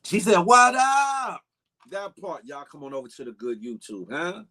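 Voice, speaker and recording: A man hosting a casual live-stream talk show, animatedly shouting out viewers' names and chatting loosely with repeated catchphrases. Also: mid-range voice, big pitch swings, fairly quick, husky.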